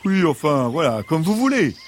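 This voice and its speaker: Narrator doing a sly fox for a kids' tale: wheedling, faintly raised voice, lively lilt. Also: male voice, a little high, moderate pace, a little hiss or hum, pitched above the performer's own voice. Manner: wheedling, falsely polite. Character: sly smooth-talking male fox. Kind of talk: children's audio story.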